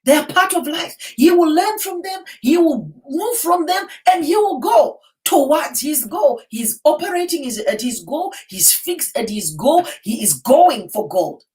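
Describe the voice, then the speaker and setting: A woman's voice: sits high, big pitch swings, measured pace, few pauses, a little mellow, distant mic. A woman giving a rousing motivational sermon in an emphatic, rallying manner, repeating phrases for effect. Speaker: motivational preacher addressing a live online audience.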